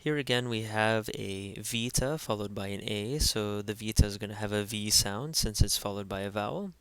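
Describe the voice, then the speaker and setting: A man teaching pronunciation in an instructional voice-over, carefully spelling out each sound and repeating every word slowly. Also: on the low side, clear, resonant tone, no echo. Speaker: language teacher.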